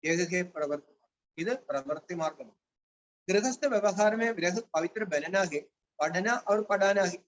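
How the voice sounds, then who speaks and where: A man's voice: high-pitched, unhurried. A man giving a devotional spiritual discourse. He reads a line, then explains it in plain words. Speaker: Brahma Kumaris spiritual teacher. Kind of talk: devotional discourse reading Hindi lines and explaining in Malayalam. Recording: dull, lo-fi with faint hiss.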